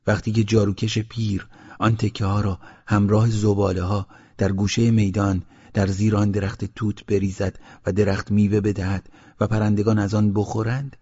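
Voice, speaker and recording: A man reading a story aloud as an audiobook narrator, in a measured, reflective way. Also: on the low side, mellow, husky, muffled recording.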